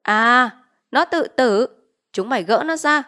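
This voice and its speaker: Brief: a woman reading as a cruel male village chief in an audiobook, barking loud threats. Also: fairly high pitch, lively intonation, slow pace, pitched above the performer's own voice, full character voice. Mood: alarmed. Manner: barking, yelling orders.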